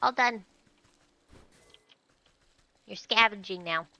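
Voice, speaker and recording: Bright-voiced woman narrating a game. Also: medium pitch, takes it slowly, no echo, dull audio.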